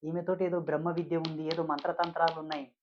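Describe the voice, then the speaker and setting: A man's voice: on the high side, little pitch movement, quick pace, lo-fi sound, slight background noise, close to an everyday voice. A man doing an awestruck humbled yogi. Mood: astonished. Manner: astonished, wondering.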